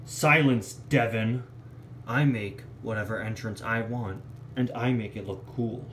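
A man's voice: fairly low pitch, measured pace, a bit bright, roomy sound, a little hiss or hum, pitched below the performer's own voice. A man voicing a smug, scornful villain toy car who issues haughty commands.

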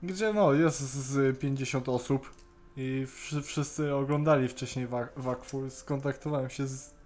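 A man co-hosting a Skype call chats casually while reviewing an animated series, frequently stammering and repeating the beginnings of words. His mid-range voice is somewhat slow and fairly even in intonation, with a darkish tone.

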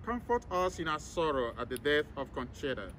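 A man leading a solemn graveside prayer as a priest, reciting in a measured, formal way outdoors. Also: a little high, big pitch swings, a bit bright. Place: outdoors in an open cemetery. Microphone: camera several meters away, speaker masked. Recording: outdoor recording with clear background noise.

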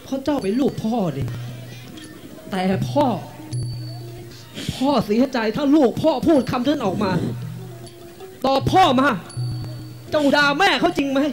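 A man playing a tired father in a Thai folk stage play, speaking softly and pleadingly to his child, with a harsh edge that can break through. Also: extremely high pitch, animated, measured pace, pauses often, music in the background. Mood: grieved. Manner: soft pleading that turns harsh. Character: weary grown father, tender but quick-tempered.

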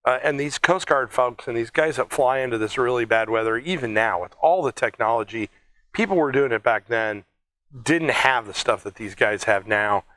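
A man's voice: mid-range voice, moderate pace, a bit bright, dry recording, poor audio. A man hosting an air museum video in a chatty, joking, rambling way, with restarts. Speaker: museum host. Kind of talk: casual one-take video talk.

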